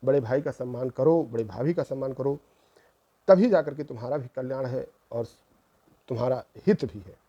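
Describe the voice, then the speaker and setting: At a moderate pace and medium pitch, a middle-aged man hosting his channel tells a true family story in a mellow voice, heard through lo-fi audio. He is earnest yet reproachful, moralizing and repeating phrases to underline his message.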